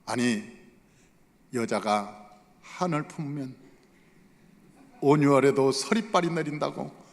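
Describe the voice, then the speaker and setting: A male pastor preaching a sermon, telling a story with dramatic swings from soft to loud. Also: medium pitch, slow pace, pauses often. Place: church sanctuary. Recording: long hall reverb.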